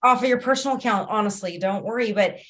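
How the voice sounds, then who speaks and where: A woman's voice: medium pitch, quick pace, a bit bright. A woman hosting a casual group discussion on a video call, moderating as a realtor trainer.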